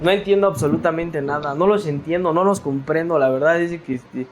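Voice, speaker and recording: A man's voice: on the high side, a little fast, a little hiss or hum. A man with a Mexican accent, a guest in a casual interview, telling his story in a reflective, rambling way with many fillers and repeated words.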